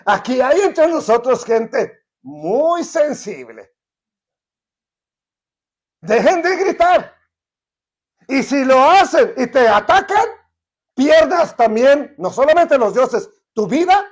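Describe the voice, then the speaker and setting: A man's voice: extremely high pitch, very animated, slow pace, pauses often, full character voice. A man voicing curt warning tribesmen. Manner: warning, dismissive. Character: threatening band of tribesmen, curt.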